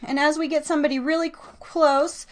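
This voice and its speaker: A woman hosts a live trivia game, chatting casually with her listeners in an excitable, playful manner and stretching out words for emphasis. Her voice is high-pitched and brisk.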